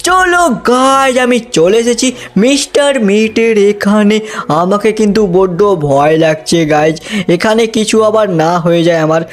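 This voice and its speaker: A young man with a high-pitched voice narrates a cartoon game story at a moderate pace. He's dramatic and excited, calling the viewers "guys" as he talks to them.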